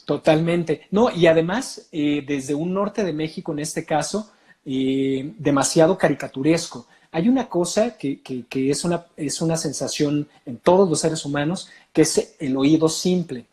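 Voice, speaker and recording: A man with a Mexican accent, a voice coach talking in an interview, explaining in an animated way with many filler sounds. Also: on the high side, unhurried. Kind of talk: casual interview talk.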